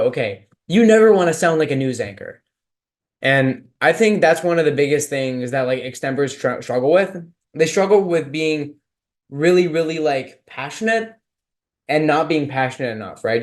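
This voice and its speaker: A man's voice: on the high side, expressive, moderate pace. Casual young man from Texas coaching. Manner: casual, filler-heavy coaching talk. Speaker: speech and debate coach. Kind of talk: online lecture with Q and A.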